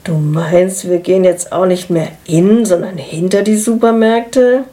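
A woman voicing a laid-back middle-aged husband who answers everything in a dry, matter-of-fact way. He is slow and unhurried, with a low-set voice. This is storybook reading. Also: fairly even intonation, dark tone, lightly acted. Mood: wry.

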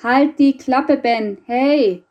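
A woman's voice: on the high side, fairly even intonation, normal speed, lo-fi sound, close to an everyday voice. A woman reading aloud voices a streetwise teenage boy who talks in curt, pushy bursts. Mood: urgent.

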